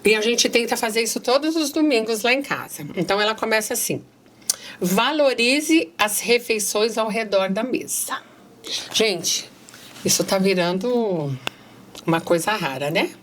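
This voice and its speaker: A woman's voice: fairly high pitch, lively intonation, unhurried, a bit bright. Earnest middle-aged Brazilian woman. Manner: earnest, addresses listeners directly. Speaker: guest. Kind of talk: casual conversation, reading passages aloud.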